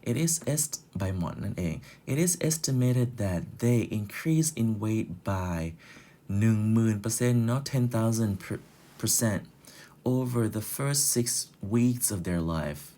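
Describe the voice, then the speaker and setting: A man teaching English, reading a passage slowly aloud and then explaining it in Thai with tips on pronunciation. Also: medium pitch, lively intonation, dark tone.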